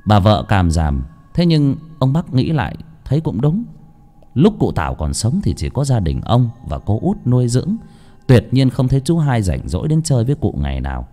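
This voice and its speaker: A man narrating an audio story in an expressive storytelling manner. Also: mid-range voice, normal speed, faint music behind.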